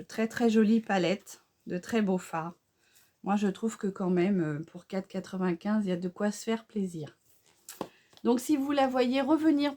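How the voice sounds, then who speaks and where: A woman's voice: a little high, darkish tone. Chatty woman vlogging makeup. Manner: chatty, homely, many fillers and self-corrections. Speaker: beauty vlogger. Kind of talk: casual makeup tutorial chat.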